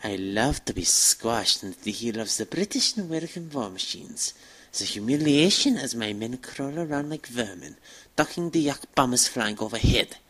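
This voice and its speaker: Woman voicing a husky, war-mad vampire commander, The Major. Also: very deep voice, lively intonation, normal speed, heavily acted. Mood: ecstatic, savoring. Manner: grandiose, savoring, emphatic oratory. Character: gleeful war-mad vampire military commander, fanatical orator. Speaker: fan dub performer. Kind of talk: theatrical dramatic villain monologue, rallying speech.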